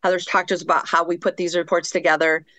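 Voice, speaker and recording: A woman hosts a casual business podcast in a fairly low voice. She keeps chiming in with eager agreement. The sound is dry and close. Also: flat delivery, fast, a bit bright, no room sound. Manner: enthusiastic, affirming interjections. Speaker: podcast host.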